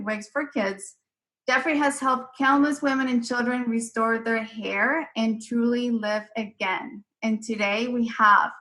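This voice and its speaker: A woman's voice: fairly high pitch, a bit bright. A woman hosting an online interview, eager and effusive in her welcomes. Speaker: summit host.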